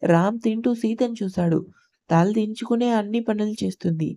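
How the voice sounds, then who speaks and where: A woman storyteller narrating a love story, calm and measured, as the regular voice of the channel. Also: medium pitch, no echo, studio quality.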